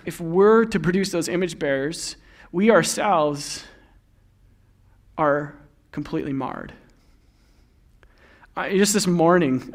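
A young man delivers a sermon in a casual, anecdotal style. His voice sits high for a man. He moves easily between scripture and everyday stories, sounding like a pastor talking with his own congregation. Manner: conversational, storytelling with laughs.

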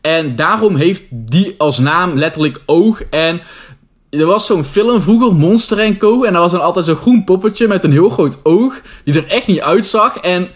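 A man's voice: sits high, expressive, moderate pace. A young man with a Dutch accent, hosting an unscripted solo podcast as an online personal trainer, talking casually with slang and English phrases mixed in.

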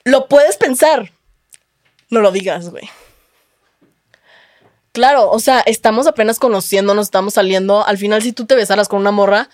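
A woman's voice: mid-range voice, moderate pace, long pauses, no echo, studio quality. A young woman with a Mexican accent, a guest telling her story in casual chat, candid and full of slang and swearing.

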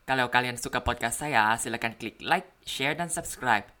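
A woman's voice: extremely low pitch, moderate pace, pushed and bright. A woman with a foreign learner's accent speaking Indonesian as a non-native, carefully delivering a prepared personal podcast monologue. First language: not Indonesian.

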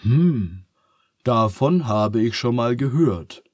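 A man's voice: mid-range voice, animated, slow pace, darkish tone, no room sound. A man voicing Phineas, a sleepless young boy wizard with a whiny, fretful manner.

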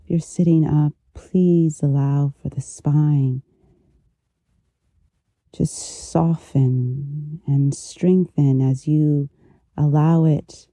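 A meditation teacher guiding relaxation gently, with a soft, intimate delivery right in the listener's ear. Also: medium pitch, steady tone, dry recording. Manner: slow, unhurried, gentle pauses. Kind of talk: guided meditation, soothing instruction.

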